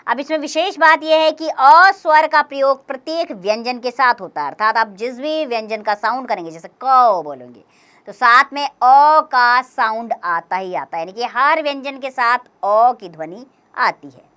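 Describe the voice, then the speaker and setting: A woman teaching a grammar lesson for young children, explaining slowly and clearly, step by step. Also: on the high side, a bit bright.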